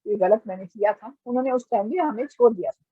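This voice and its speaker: A woman's voice: a little high, fast talker, husky. A middle-aged woman from giving an earnest personal testimony in a storytelling way, often restarting her sentences. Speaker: testimony speaker. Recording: dull lo-fi recording.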